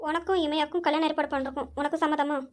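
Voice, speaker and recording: A woman's voice: high voice, fairly even intonation, fast, close to an everyday voice. Woman playing a sly scheming sister. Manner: sly, plotting. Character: scheming young woman, spoiled granddaughter.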